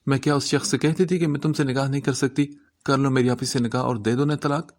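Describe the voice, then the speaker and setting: A man's voice: medium pitch, steady tone, close to an everyday voice. A man reading as a tearful young wife. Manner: soft and pleading. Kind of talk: novel reading.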